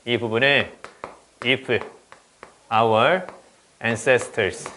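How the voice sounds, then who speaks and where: A man teaching an exam-prep English grammar lesson, often checking in with the class and reading English examples slowly. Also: mid-range voice, a little hiss or hum. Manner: lively, repeats "그쵸?" to check understanding.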